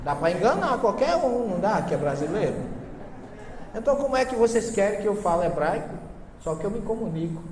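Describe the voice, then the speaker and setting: Man, Northeastern Brazilian accent, seminar lecturer, higher-pitched voice, joking and telling anecdotes, recorded in an echoey hall. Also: sing-song, brisk. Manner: humorous storytelling, asks the audience questions. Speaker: seminar lecturer on Bible translations. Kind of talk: lively seminar talk with anecdotes. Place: lecture hall before an audience. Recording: echoey hall with long reverb, faint hiss.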